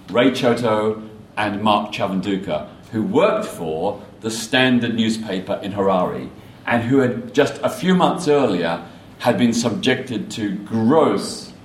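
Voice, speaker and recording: A man, an activist, tells his story in a measured, emphatic way and repeats key phrases. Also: on the low side, a little hiss or hum. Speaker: activist recounting a protest. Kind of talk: storytelling talk. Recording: roomy echo.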